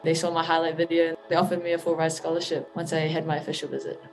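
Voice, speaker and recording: Young New Zealand woman, relaxed and thoughtful. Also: low-pitched, very fast, music in the background. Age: young adult. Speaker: college basketball player. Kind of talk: interview answers.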